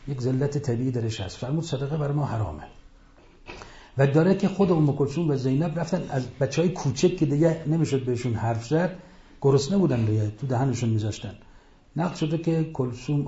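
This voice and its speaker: A man giving an impassioned religious lecture, retelling a story and rising into loud rhetorical outbursts. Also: medium pitch, roomy sound. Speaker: preacher. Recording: dull lo-fi recording.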